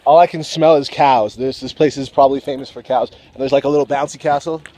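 A young man filming a travel vlog outdoors in the mountains on a selfie stick camera, excitable and whooping as he rides up and paraglides. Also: medium pitch, fast talker. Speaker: travel vlogger. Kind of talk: casual vlog narration. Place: outdoors on a mountain, cable car then paragliding.

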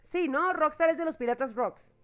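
A woman with a Mexican accent chats through a reaction video in a high, youthful voice. Her talk is slangy and loose, and she keeps stopping to correct herself. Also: moderate pace. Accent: Mexican Spanish. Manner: chatty, slangy, self-correcting, laughs often. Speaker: anime reaction youtuber. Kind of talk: casual reaction commentary.

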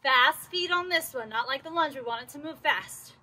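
A woman's voice: high-pitched, lively intonation, moderate pace, pushed and bright. A woman fitness instructor leading a workout class, counting down intervals and urging people on while out of breath herself. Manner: encouraging, counts down intervals, works out while talking.

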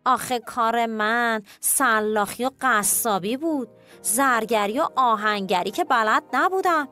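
A woman voicing a greedy male wolf in a children's cartoon story, grumbling in a low, complaining tone. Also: bright, forceful tone, soft background music. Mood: sulky.

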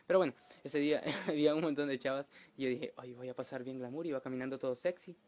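A young man tells a funny story in a relaxed monologue. His humor is crude and self-mocking, and his delivery is deadpan. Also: medium pitch, quick pace, soft background music. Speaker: comedic storyteller. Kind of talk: casual comedic monologue.

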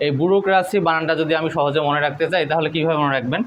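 Guy teaching english spelling, spells letters out slow, faint noise behind. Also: fairly high pitch, poor audio. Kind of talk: spelling lesson.

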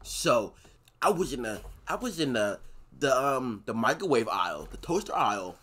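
A young man playing a flabbergasted folksy gossip for a comic reaction video, halting and scandalised. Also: medium pitch, big pitch swings, a bit bright, breathy edge, pitched below the performer's own voice. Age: young adult.

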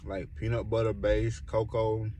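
A man doing a casual food review, chatty and relaxed, repeating himself and chuckling often. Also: on the low side, unhurried, slight background noise. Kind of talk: casual product review vlog.

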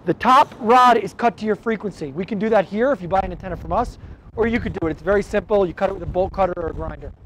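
A shop owner in his thirties gives a casual, practical how-to talk on radio gear, starting in a garage and then moving outdoors to a windy lot. His high, fast, fairly bright voice is direct, with frequent "okay?" check-ins, and the audio quality is poor.

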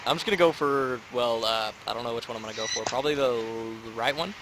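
A young man hosting a casual let's-play, playful and quick to laugh. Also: mid-range voice, heavy background noise. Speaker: gaming channel host.

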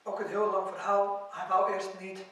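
A man preaching in a mosque, telling a story and acting out the quoted figures with sudden rises and drops in loudness. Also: sits high, monotone, moderate pace. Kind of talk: mosque lecture. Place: mosque hall. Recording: very echoey hall, distant mic.

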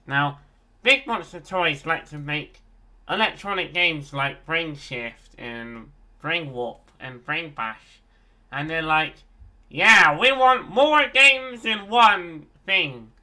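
A man's voice: fairly high pitch, bright, forceful tone. A man casually showing his toy collection to the camera, rambling with frequent ums and asides. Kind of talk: casual show-and-tell.

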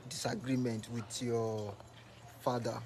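A man's voice: medium pitch, flat delivery, a little mellow, a little hiss or hum. Polite Nigerian male interviewer. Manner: polite, measured questions with fillers.

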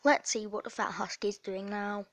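A woman's voice: mid-range voice, level tone, moderate pace. A young woman narrating her dog at home as a playful parody of a nature documentary, with mock-serious commentary. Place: at home indoors.

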